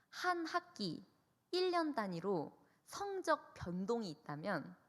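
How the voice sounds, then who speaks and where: Animated young woman giving testimony. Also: medium pitch, long reverb tail. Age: young adult. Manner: animated, emotional storytelling. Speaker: youth minister. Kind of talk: testimony sermon. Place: church hall.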